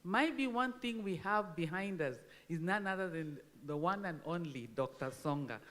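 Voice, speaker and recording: A woman's voice: lowish voice, expressive, moderate pace, a bit bright. A Kenyan woman in her sixties giving a candid, emphatic, informal speech, with speech shaped by missing front teeth. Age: 60s. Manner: candid, self-deprecating, emphatic. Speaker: agricultural research speaker. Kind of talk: informal speech at a launch event. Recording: long hall reverb on microphone.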